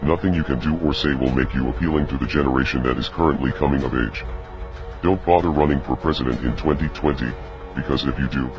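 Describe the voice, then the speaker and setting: A man reading a grave, accusatory scripted statement as an anonymous spokesperson, his voice disguised by a voice changer that drops it very deep. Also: quick pace. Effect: voice changer lowering the pitch, disguised deep voice. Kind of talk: scripted statement read aloud. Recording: muffled lo-fi audio with music behind.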